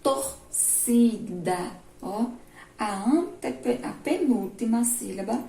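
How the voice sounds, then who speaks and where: A woman primary school teacher with a Brazilian Portuguese accent, giving a remote lesson slowly, step by step, and asking the class questions. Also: on the high side, creaky, dark tone. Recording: echoey room, distant mic, faint noise.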